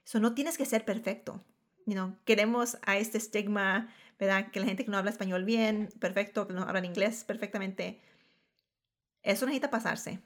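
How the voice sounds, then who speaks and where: Woman, Spanglish code-switching, medium pitch, casual podcast host. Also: steady tone, normal speed. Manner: Spanglish, switching between Spanish and English mid-sentence. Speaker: podcast host, dental professional. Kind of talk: casual conversation.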